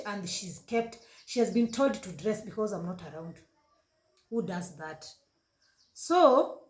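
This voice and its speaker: A woman in her thirties with a Kenyan accent, telling an emotional personal story on her vlog, halting and correcting herself as she goes, slipping into Swahili. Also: mid-range voice, darkish tone. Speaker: vlogger. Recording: roomy echoey room.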